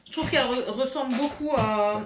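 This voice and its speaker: A woman's voice: sits high, normal speed. Woman with a French accent, casual haul vlog, rambling and chatty, echoey room, faint hiss. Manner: chatty, rambling, many fillers and restarts. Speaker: beauty vlogger. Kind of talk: casual haul chat to camera.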